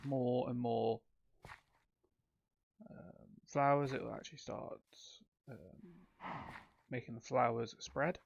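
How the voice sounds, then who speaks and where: A man's voice: medium pitch, fairly even intonation, takes it slowly, vocal fry, long pauses, no room sound, highs cut off. A man giving casual, rambling commentary on his own gameplay, with frequent ums and self-corrections. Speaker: let's play host.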